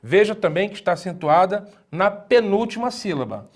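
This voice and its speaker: In this unhurried language lesson, the Greek teacher's fairly high voice swings widely in pitch. He explains with patience, puts rhetorical questions to the viewer, and emphasizes key words by repeating them slowly.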